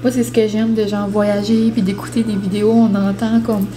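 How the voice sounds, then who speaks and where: A woman's voice: medium pitch, little pitch movement, fairly quick, crowd noise. A woman from New Brunswick with a New Brunswick French accent, chatting casually to camera as a vlogger, rambling with lots of fillers and slang. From New Brunswick, Canada.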